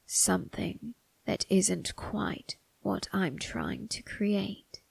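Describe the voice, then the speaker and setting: Woman as the Undertaker, gravelly whispering reaper. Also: medium pitch, no echo, heavily acted. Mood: intimate, fascinated. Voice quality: breathy, gravelly, often dropping to a whisper. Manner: slow, theatrical, teasing, morbidly musing. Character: sinister, amused retired grim reaper undertaker, ageless male. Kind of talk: ASMR roleplay monologue. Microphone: close microphone, dry.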